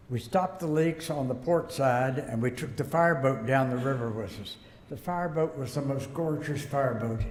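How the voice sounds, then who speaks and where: A man's voice: medium pitch, darkish tone. An older American man telling a rambling, folksy story as a guest speaker, chuckling now and then. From United States. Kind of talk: anecdotal storytelling speech. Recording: echoey hall, faint background noise.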